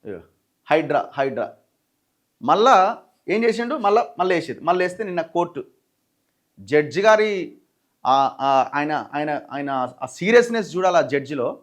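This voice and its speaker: High-voiced man with a Telangana Telugu accent. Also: normal speed, long pauses. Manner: animated storytelling with many restarts and acted quotes. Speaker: journalist commentator. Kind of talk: political news commentary.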